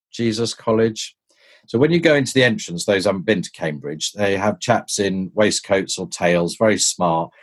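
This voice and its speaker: A man, a stuntman, telling anecdotes in a casual, animated way and jumping his pitch to act out the people he quotes. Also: husky.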